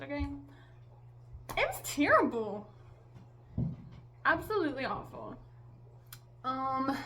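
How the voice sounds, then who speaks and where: A woman's voice: high voice, sharp tone. A young woman vlogger giving a casual, exasperated movie review, chatty and full of "like" and "okay?".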